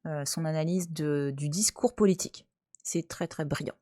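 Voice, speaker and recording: A woman's voice: sits low, moderate pace, mellow, no room sound, clean studio sound. Chatty French woman streaming from home. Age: 30s. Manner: chatty, teasing, talks back to chat. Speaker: Twitch streamer. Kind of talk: casual live-stream chat while playing. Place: at home, cat nearby.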